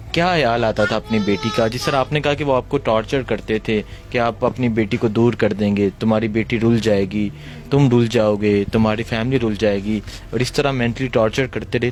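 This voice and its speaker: A man's voice: mid-range voice, a little hiss or hum. A man with a Pakistani Urdu accent, interviewing a guest with probing, sympathetic questions.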